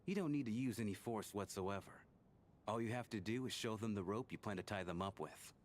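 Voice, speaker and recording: A man's voice: on the low side, brisk, slight background noise, close to an everyday voice. An actor voicing a blunt, cocky grown man in a game, matter-of-fact.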